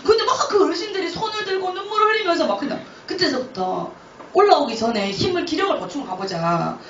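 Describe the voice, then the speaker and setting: Lively woman telling a testimony in an echoey hall. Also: very high voice, fast talker, slight background noise. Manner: lively storytelling with laughter. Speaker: missionary. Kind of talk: testimony talk. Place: church hall. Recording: roomy, distant, dull church recording.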